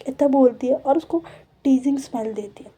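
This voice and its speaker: Chatty woman storyteller, mellow voice. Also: high voice, fairly quick, breathy edge. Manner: chatty, repeats herself, mixes in English fillers. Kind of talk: casual storytelling.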